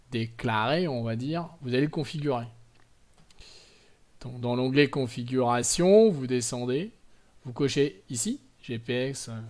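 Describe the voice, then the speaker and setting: A man hosting a casual tutorial at home, talking chattily with many fillers and self-corrections, with the odd joking aside. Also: mid-range voice. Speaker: drone tutorial host. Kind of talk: casual screen-recorded tutorial. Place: indoors at home.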